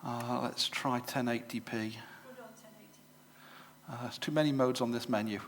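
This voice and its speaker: A middle-aged English man giving a live demonstration to a club audience, chatty and full of fillers and quick self-corrections. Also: mid-range voice, steady tone, slight background noise. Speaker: presenter at a computer club show. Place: exhibition room at a club show.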